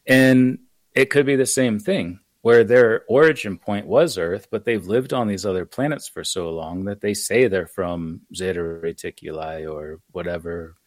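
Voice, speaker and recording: An American man with a fairly low voice, explaining his ideas at length in a loose, rambling way with plenty of fillers. He sounds close to the mic in a dry, dead room. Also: measured pace, dry recording. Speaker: author and guest. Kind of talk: casual podcast conversation.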